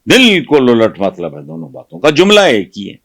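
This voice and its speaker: An older man from Pakistan giving fiery political commentary, scornful and scolding, with loud bursts of mockery. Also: mid-range voice, wildly swooping pitch, vocal fry, no room sound.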